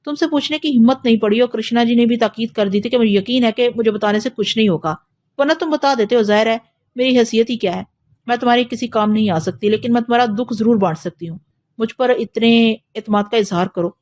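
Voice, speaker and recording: A woman reads the part of a caring young woman in an audio novel, earnest and imploring, her voice a little high. She speaks gently and keeps pressing softly. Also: close to an everyday voice. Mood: pleading. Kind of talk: audiobook reading.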